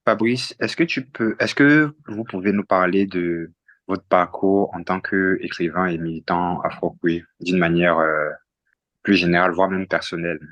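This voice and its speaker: A man's voice: low-pitched, fairly even intonation, moderate pace, a bit bright, no echo, muffled recording. A man asking interview questions politely, often rephrasing himself mid-question.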